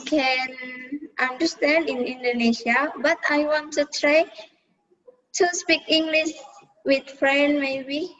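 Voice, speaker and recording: A woman student answers her teacher in halting English, full of pauses and fillers. Her voice is high and she speaks very slowly. The sound is dull and lo-fi, like a video call. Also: steady tone, fairly bright tone. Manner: hesitant, many pauses and fillers.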